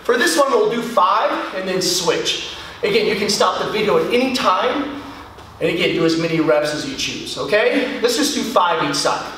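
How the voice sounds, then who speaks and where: Middle-aged guy coaching a workout, counts reps out loud while he does them, high-ish voice, really echoey big room, mic way off. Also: sing-song, normal speed, slight background noise. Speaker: martial arts instructor. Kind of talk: home workout class. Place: large bare studio, indoors. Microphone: far camera. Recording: echoey studio from far off.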